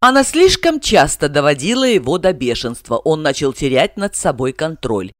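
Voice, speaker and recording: A woman reads an audiobook novel aloud, her voice rising and falling with animated expression. She gives the narration a dramatic lilt. The sound is close and dry. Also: low voice, moderate pace, no echo. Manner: lively, dramatic reading.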